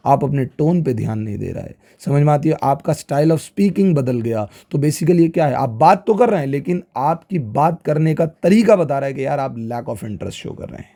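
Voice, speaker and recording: A male teacher lecturing with a gravelly, dark, mellow voice. He speaks slowly and leans on key words, acting out small examples. He often stops to ask whether the class understands. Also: mid-range voice. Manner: animated, keeps asking if students follow; slow, stressed delivery with acted examples.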